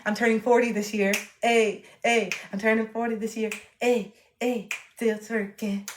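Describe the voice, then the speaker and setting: A woman's voice: a little high, normal speed, a little hiss or hum. A woman in her late thirties, a livestreamer chatting casually and animatedly with her viewers. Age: 30s. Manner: chatty, animated, reacts to chat. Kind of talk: casual chat to a live chat. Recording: echoey room.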